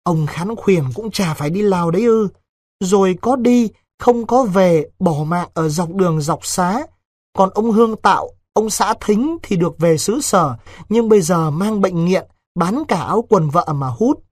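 A man voicing a young peasant servant girl who pleads through tears, in a husky voice. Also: sits high, animated, unhurried, a little mellow, dry recording, studio quality, voice pushed up. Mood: anxious. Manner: tearful, imploring pleas.

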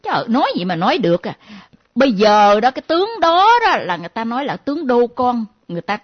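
This is a comedy sketch with a woman playing a teasing, nosy younger friend who speaks. Her voice is fairly high, and her pitch is very animated. The recording has a dull, lo-fi sound. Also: quick pace. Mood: mocking. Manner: teasing, lively, mimicking.

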